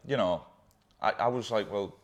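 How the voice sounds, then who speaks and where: A man's voice: lowish voice, fairly quick. A young man in candid conversation with his business partner, rambling with many fillers and casual swearing.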